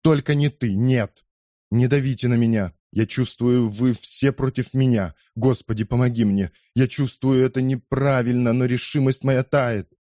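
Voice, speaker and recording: A man's voice: mid-range voice, normal speed, warm tone, dry recording, studio quality, voice pushed up, close to an everyday voice. A man voicing a torn, conscientious leader in an audiobook, speaking earnestly and pleading with rising distress. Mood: anguished. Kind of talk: audiobook character voice.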